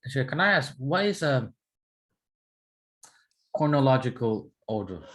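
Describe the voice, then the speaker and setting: A man's voice: medium pitch, very animated, a little slow, a bit bright. A young man from Myanmar with a Burmese accent, chatting informally as a student and repeating words as he goes. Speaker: English student. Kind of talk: casual class discussion.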